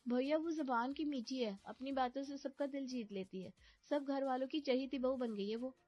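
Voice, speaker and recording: A woman's voice: high voice, normal speed, a little mellow, soft background music, pitched above the performer's own voice. A woman voicing a frustrated younger daughter-in-law who complains plaintively. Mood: complaining.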